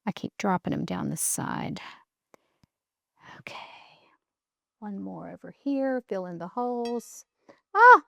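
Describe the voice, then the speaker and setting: A woman's voice: medium pitch, lively intonation, slow, gravelly, long pauses, fairly bright tone, no room sound, studio quality. A woman hosting a home cooking demonstration, chatting and thinking aloud as she decorates a cake in her kitchen. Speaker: cooking show host.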